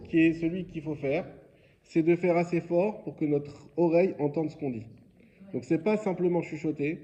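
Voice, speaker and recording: A man runs a religious class as a quiz, posing questions and then explaining the answers in a relaxed, conversational way. His voice sits a little high yet sounds mellow and warm. The recording is muffled and lo-fi. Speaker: rabbi teaching a class. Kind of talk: religious lesson quiz with students.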